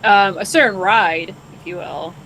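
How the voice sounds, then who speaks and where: A woman's voice: mid-range voice, unhurried, a bit bright, a little hiss or hum, low-quality recording. Woman, fantasy improv chat, teasing, bawdy.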